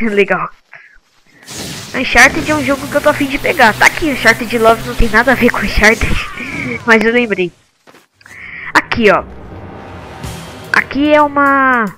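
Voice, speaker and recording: Brazilian gamer doing casual lets play commentary, bright voice, slangy, thinking out loud, bit of music behind. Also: medium pitch. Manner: informal, slangy, thinking aloud. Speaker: gameplay video host.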